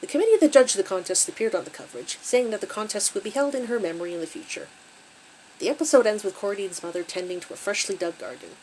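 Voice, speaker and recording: A woman's voice: medium pitch, a little mellow, slight background noise, low-quality recording. A woman hosting her channel, recapping a creepy story with wry, conversational asides. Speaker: channel host and story reader.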